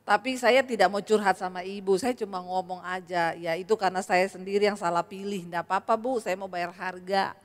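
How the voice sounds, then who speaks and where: A woman preacher voicing a troubled married woman who quietly admits her own mistake, in a lower, resigned tone. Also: steady tone, a little fast, few pauses, lightly acted. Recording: echoey church hall.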